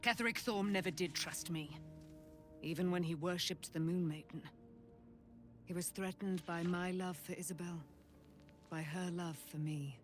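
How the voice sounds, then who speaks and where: A woman's voice: lowish voice, moderate pace, long pauses, lightly acted. A woman playing an exalted, devout and vengeful warrior in a video game, declaiming grandly in archaic phrasing. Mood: bitter, grieving. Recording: music behind the voice.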